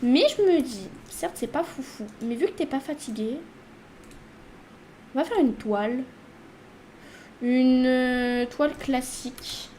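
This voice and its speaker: A woman's voice: high voice, slow, pauses often, darkish tone, a little hiss or hum. A woman hosting a casual life-sim let's play, chatting away and talking to her character as she plays. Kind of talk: casual gameplay commentary.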